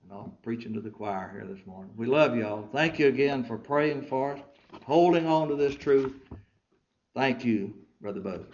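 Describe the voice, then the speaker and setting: A man preaching a sermon with fervent delivery, repeating words and trailing off softly. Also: medium pitch, moderate pace, muffled recording, background noise. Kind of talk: sermon to ministers.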